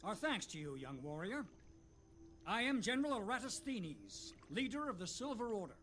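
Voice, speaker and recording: An actor playing a retired old general in a video game, proud leader of an order, speaking formally and theatrically. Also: male voice, sits high, big pitch swings, moderate pace, fairly bright tone, slight background noise. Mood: courteous, resigned. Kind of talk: video game character acting.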